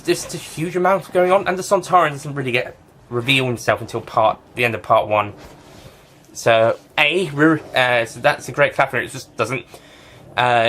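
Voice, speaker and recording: A man's voice: mid-range voice, fairly bright tone, slight background noise. A man giving a casual spoken review of a TV series, rambling and often restarting and correcting himself.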